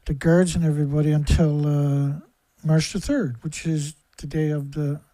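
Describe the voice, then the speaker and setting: A man's voice: fairly high pitch, flat delivery, moderate pace, warm tone, no room sound. Angry ranting man on a livestream. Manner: angry, profane, hammering rhetorical questions. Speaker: livestream host.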